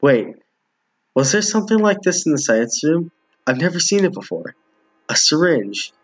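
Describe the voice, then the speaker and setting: A streamer playing a visual novel with viewers reads the dialogue aloud in casual commentary, often stumbling over or repeating lines. His voice is a little high and slightly rough, with big pitch swings at a moderate pace, captured in a muffled, roomy home recording.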